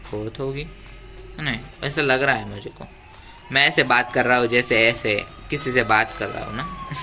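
A gaming YouTuber with a mid-range, pushed and bright voice gives casual, joking commentary to his viewers while he plays. He's chatty and jokey and pleads with the audience, with faint ambient noise and passing traffic in the background.

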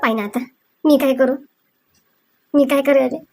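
A woman plays her part in a village comedy sketch. Her voice is fairly high, and she talks in a brisk, scolding way, full of worry and instructions. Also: fairly even intonation, vocal fry, loud music behind the voice. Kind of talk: comic sketch acting.

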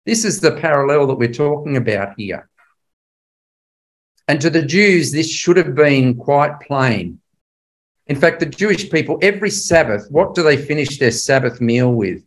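An older man delivers a Bible class history lecture in a conversational, emphatic style, frequently posing rhetorical questions to his audience. His voice is on the high side and expressive, at a moderate pace.

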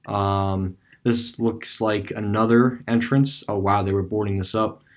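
This male video creator, touring a closed store on street view, speaks with a fairly low pitch, fairly even intonation and a measured pace. His voice-over on the screen-recorded map tour is loose and casual, riddled with fillers and restarts.

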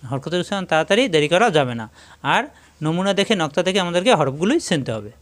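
A man teaching Quran reading step by step, spelling out each letter and vowel mark, then repeating each word slowly. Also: on the high side, sing-song. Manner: repeats the same reminder again and again. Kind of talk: step-by-step recitation lesson.

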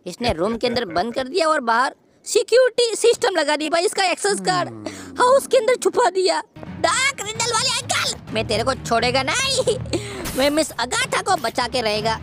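Casting: woman as a cocky cartoon boy, high lively voice, taunting, music bed behind. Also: normal speed. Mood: excited. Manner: boastful, teasing and taunting, shouting often. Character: excitable boy cartoon hero, brash and boastful. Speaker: gameplay commentator. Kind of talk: playful gameplay commentary in character.

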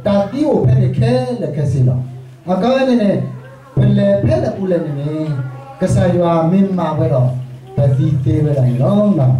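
A man preaches to his congregation in a loose, conversational way. His voice sits a bit high for a man yet sounds dark and soft-edged. The recording is echoey, as if captured in a church sanctuary from well back. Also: lo-fi sound. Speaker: pastor. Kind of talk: sermon. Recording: echoey church hall, mic far off.

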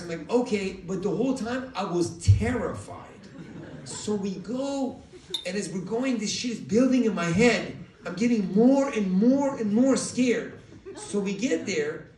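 A male stand-up comedian doing loud, animated crowd work, acting out voices. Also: sits high. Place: large theater with live audience. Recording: roomy hall audio from far off, crowd laughter.

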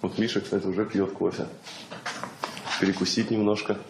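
A man in his twenties from Yaroslavl, Russia, delivers an informal on-location video report to camera as a TV news correspondent, guiding viewers through the halls and corridors of a control centre. His voice sits low and is creaky, with a level tone and moderate pace. Noisy room ambience fills the recording.

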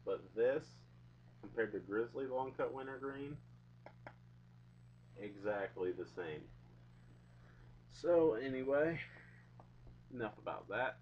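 A young man with a low voice rambles casually to his camera, taking his time between phrases. He talks in laid-back slang, like a home video blogger. The webcam sound is dull, with some hum behind him. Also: a little slow, long pauses. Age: young adult. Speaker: video blogger reviewing products. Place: small indoor room at home. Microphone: webcam or laptop mic at arm's length.

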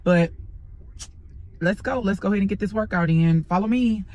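A fitness vlogger in her thirties talks casually to a phone held at arm's length, upbeat and motivational, filming in a gym and a parked car. Her voice is mid-range and darkish, at a moderate pace, with the highs cut off.

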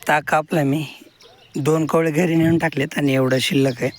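A man's voice: fairly high pitch, fairly even intonation, moderate pace. A man, talking casually while filming his farm on a phone and calling out to his animals. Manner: chatty, calls out to animals. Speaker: farmer vlogger. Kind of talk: casual farm vlog narration. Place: outdoors on a farm field. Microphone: phone held while filming. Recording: loud outdoor background noise.

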